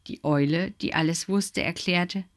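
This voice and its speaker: Low-pitched woman reading a children's story. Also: measured pace.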